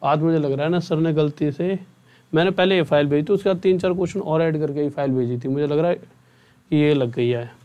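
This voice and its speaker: A young male math teacher chats earnestly with his students at the end of an online class, checking in often and frequently asking "theek hai?". He speaks briskly in a fairly high, mellow voice, and the recording sounds muffled.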